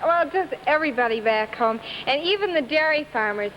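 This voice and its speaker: A woman's voice: high voice, animated, a little fast, big-room sound, dull audio, slight background noise. A young woman from Wisconsin chatting politely as a contestant on a 1950s live quiz show, on a vintage broadcast recording. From Wisconsin, United States. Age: young adult.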